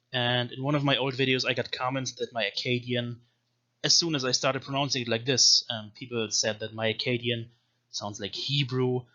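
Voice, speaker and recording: A man with a medium-pitched, sharp-toned voice teaches how to read an ancient script in an explanatory video, slowly pronouncing one syllable after another. He is a language teacher, and the recording sounds muffled.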